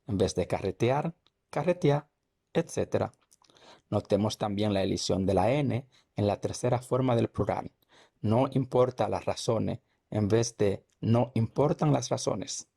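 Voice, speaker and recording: A man from the Dominican Republic with a Dominican accent, a Spanish teacher explaining language points in a measured, deliberate way with repeated examples. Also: fairly low pitch, creaky, dark tone, breathy edge.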